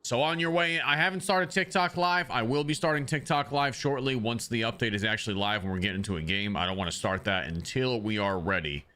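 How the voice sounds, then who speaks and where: A man's voice: mid-range voice, brisk, few pauses, sharp tone. A man chatting loosely to his viewers as a streamer, rambling with many ums, speaking into a desk microphone. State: has the hiccups. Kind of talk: casual livestream chat.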